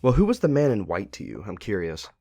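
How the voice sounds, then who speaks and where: This male host has a fairly low, warm voice with big swings in pitch, quick delivery, and some vocal fry, recorded with no room echo. He keeps a relaxed interview about a web horror series moving with inquisitive, supportive questions over background music.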